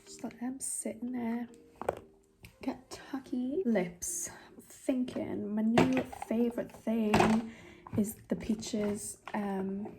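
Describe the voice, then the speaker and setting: A woman's voice: a little high, fairly even intonation, slow, noisy background. A young woman with a Geordie accent chatting in a rambling, self-mocking way while doing her makeup for a vlog. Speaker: beauty vlogger.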